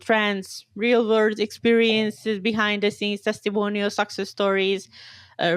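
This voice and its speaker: A woman's voice: mid-range voice, smooth, no echo. A woman in her twenties from Serbia, a guest on a podcast, talking eagerly and chattily. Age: 20s. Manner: eager, chatty, laughs easily. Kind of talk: casual interview.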